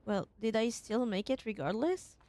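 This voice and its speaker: A woman's voice: fairly high pitch, expressive, moderate pace, a little mellow. A young woman streaming a game, musing aloud and asking herself questions as she plays. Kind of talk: casual gameplay commentary.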